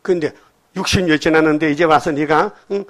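An older man preaching a sermon in a church, animated and firing rhetorical questions at the congregation. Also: a little high, fairly quick. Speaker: pastor. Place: church sanctuary.

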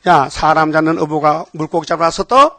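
A preacher acting out a stern male teacher who scolds his disciple in blunt, plain words. His voice sits fairly high and sounds dry and close, with no room around it. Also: steady tone, a little fast, a bit bright, dry recording. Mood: scolding.

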